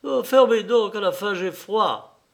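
A man voicing a tormented, stubborn young man who gives strained, halting refusals. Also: medium pitch, sing-song, gravelly, a bit bright, exaggerated voice. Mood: angry.

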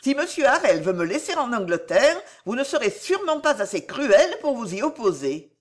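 A woman doing a high-pitched excitable wife, exclaiming, pleading, lively, storybook voice. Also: normal speed. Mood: excited, pleading. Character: overjoyed anxious married woman, emotional. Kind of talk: audiobook character reading.

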